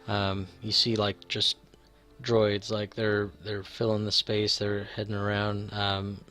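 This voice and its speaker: Rambling male game master with a low voice, narrating a tabletop game casually. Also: completely flat delivery, takes it slowly, pushed and bright, soft background music. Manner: rambling, full of fillers.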